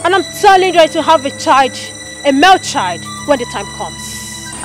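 A woman's voice: high-pitched, big pitch swings, normal speed, music in the background, rough recording. A woman playing a benevolent forest goddess in a film drama, serene and solemn, with a Nigerian accent.

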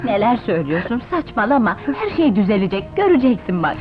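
A woman's voice: mid-range voice, big pitch swings, quick pace, over loud music, close to an everyday voice. An actress playing a fiery young woman who defends her wronged sister, dubbed in a 1970s film style and hurling accusations. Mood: pleading. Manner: accusing, shouting insults. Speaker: film character. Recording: dull old film soundtrack with loud score.

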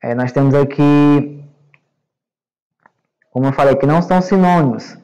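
A Brazilian male English teacher giving a recorded online class to young students, explaining slowly and patiently and checking understanding often. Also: a little high, warm tone, lo-fi sound. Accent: Brazilian Portuguese. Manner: repeats words and checks with "né?" and "certo?".

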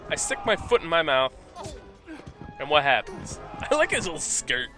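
Over game music, a let's play commentator casually narrates the video game he's playing, joking and reading the on-screen text in silly voices. His voice is on the high side and sing-song, bright and forceful, at a moderate pace.

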